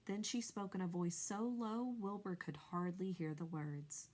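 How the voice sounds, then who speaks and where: A woman's voice: lowish voice, unhurried, darkish tone. A woman reading a storybook aloud, narrating expressively and changing her voice for each animal. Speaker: reader.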